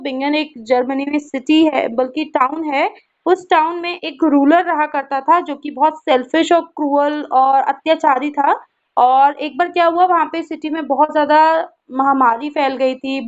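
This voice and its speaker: A young female teacher talks students through a poem in a high voice, pausing often to ask whether they follow. She reads the verse slowly and deliberately. The recording sounds dull and lo-fi. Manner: patient, checks understanding with frequent "ठीक है?". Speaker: school English teacher. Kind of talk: explaining a poem to students in Hindi.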